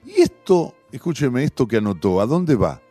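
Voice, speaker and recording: Male reader as a timid housewife, hushed, storybook. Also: mid-range voice, big pitch swings, moderate pace, no room sound, faint music behind, voice pushed up. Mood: wistful, guarded. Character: lonely housewife, timid then guarded.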